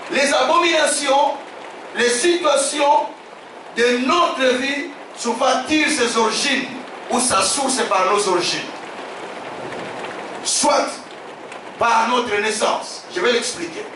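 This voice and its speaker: A man from Africa, a bishop preaching a sermon, emphatic, repeating his phrases and shouting key lines. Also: extremely high pitch, noisy background. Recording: very echoey hall, distant from the mic.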